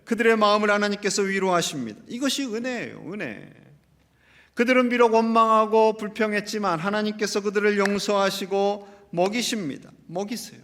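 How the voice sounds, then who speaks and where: A man's voice: high voice, fairly bright tone. A male pastor preaching a sermon, asking rhetorical questions and acting out quotes. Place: church sanctuary. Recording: long church-hall reverb.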